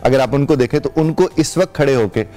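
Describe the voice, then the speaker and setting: A man's voice: medium pitch, fairly quick, warm tone, faint music behind. Formal, explanatory male language teacher. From Pakistan. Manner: explanatory, formal Urdu with English words. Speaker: English teacher, guest. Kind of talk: studio TV interview.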